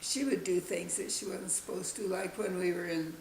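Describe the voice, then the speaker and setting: Gravelly elderly woman recalling slowly. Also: lowish voice, steady tone, darkish tone, roomy sound, a little hiss or hum, low-quality recording. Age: 90s. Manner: slow, halting recollection. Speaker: interviewee, grandmother. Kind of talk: casual family interview.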